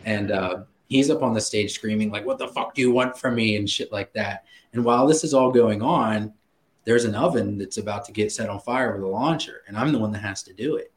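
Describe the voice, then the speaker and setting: A man's voice: lowish voice, fairly quick, echoey room, poor audio. Laughing, swearing man telling a story. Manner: laughing, profane, animated storyteller. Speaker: guest. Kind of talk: casual podcast storytelling.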